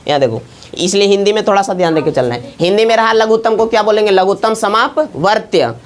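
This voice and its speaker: A woman's voice: medium pitch, lively intonation, fast. A woman teaching math to a class at the board, often asking the students to check along. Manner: asks the class constant check questions.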